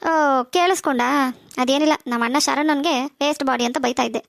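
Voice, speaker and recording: Woman voicing a bossy cartoon teen girl, high voice, quick and sassy, dry sound. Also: vocal fry, no room sound. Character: bossy teenage girl who bickers with her brother. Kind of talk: cartoon voice acting.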